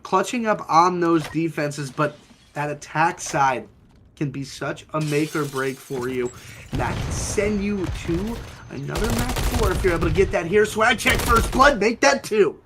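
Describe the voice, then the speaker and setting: A young man casting an esports match, giving fast and excited play-by-play. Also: a little high, noisy background. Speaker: esports caster. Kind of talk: play-by-play commentary.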